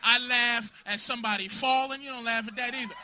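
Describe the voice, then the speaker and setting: A man doing a crude, confrontational stand-up set in a comedy club, bursting into shouts at hecklers. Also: extremely high pitch, fairly even intonation, a little fast, a little hiss or hum.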